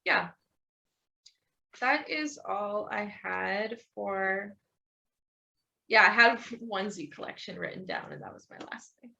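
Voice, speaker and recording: A young woman with a bright, clear tone hosts a relaxed podcast conversation. She rambles through her points, restarts her sentences and laughs easily while complimenting her guest. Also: mid-range voice, takes it slowly, long pauses, dull audio. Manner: rambling, laughs often, warm praise. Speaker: podcast host. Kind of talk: casual interview chat.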